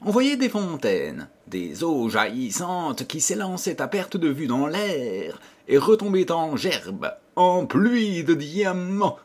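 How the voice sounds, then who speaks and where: A man narrating a fairy tale audiobook expressively, speaking to listeners as dear children. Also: fairly high pitch. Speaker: audiobook reader.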